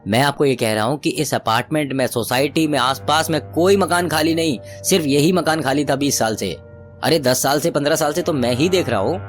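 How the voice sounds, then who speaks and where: Man doing a hushed, fearful vegetable seller. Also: on the high side, soft background music, voice pushed up, close to an everyday voice. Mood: insistent. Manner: slow, hushed, ominous warning.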